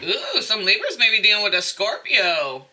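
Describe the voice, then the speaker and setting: This woman's medium-pitched voice swoops wildly and sounds pushed and bright at a normal speed. She chats casually through a tarot reading, rambling playfully and often slipping into exaggerated asides.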